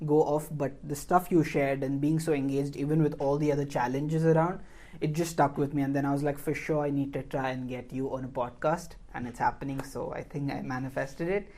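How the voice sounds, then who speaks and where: A man's voice: medium pitch, little pitch movement, a little fast, darkish tone. A man hosting a podcast interview, talking in a chatty, rambling way with many fillers. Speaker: podcast host.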